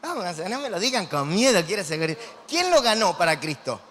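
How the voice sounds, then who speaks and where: Lively Argentine pastor with high voice. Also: male voice, normal speed, a little hiss or hum. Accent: Argentine Spanish. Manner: animated, quizzes the congregation. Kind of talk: sermon. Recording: long hall reverb.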